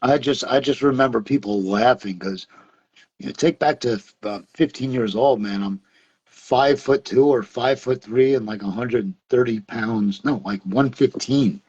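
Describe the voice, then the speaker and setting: A middle-aged man tells stories from his wrestling past in a relaxed interview. He rambles, laughs often and leans on fillers. His voice sits at a medium pitch, and the sound is a bit dull and lo-fi. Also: moderate pace, breathy edge. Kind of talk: casual storytelling interview.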